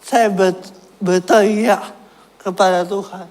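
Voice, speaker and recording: A man delivers a personal testimony sermon at a slow, unhurried pace. He pokes fun at himself and laughs through his story, then turns earnest as he recounts his prayers. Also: high voice, steady tone, a little mellow. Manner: self-mocking, laughs at his own story. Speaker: preacher giving testimony.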